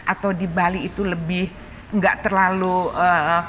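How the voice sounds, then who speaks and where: A woman from Bandung speaking with a Sundanese accent, chatting animatedly in an interview and laughing easily. Her voice sits at a middle pitch. It carries a long hall reverb over faint background noise. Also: flat delivery, measured pace, fairly bright tone, lo-fi sound. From Bandung, Indonesia. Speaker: art dealer. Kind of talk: casual interview.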